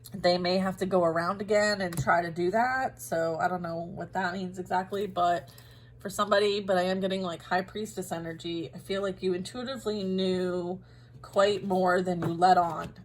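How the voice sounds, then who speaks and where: A woman with a fairly low voice gives a relaxed, meandering tarot reading straight to her viewers. She talks unhurriedly, filling pauses with ums and you-knows and laughing at her own slips. A faint background noise runs under her voice. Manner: rambling and unhurried, full of fillers, often laughs at herself. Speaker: tarot reader. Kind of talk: casual spoken tarot reading.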